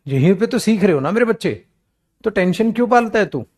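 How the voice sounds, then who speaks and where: A man teaching English grammar for government exams speaks a little fast, blending English examples with Hindi explanation. With animated warmth he scolds and coaxes, calls his students beta, and does a low, weak-voiced imitation of them whining.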